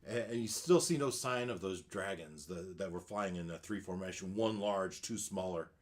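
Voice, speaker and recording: A man working as game master, narrating a tabletop game in a halting, conversational way. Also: deep voice.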